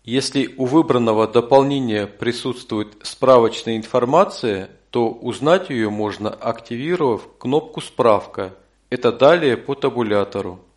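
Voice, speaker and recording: Measured male tutorial narrator, medium pitch. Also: lively intonation. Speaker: audio course instructor. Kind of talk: scripted instructional narration.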